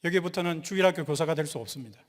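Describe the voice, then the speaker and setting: A male pastor giving a lively sermon, quizzing the congregation and joking with them. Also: fairly high pitch, rapid-fire. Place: church sanctuary. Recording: long hall reverb.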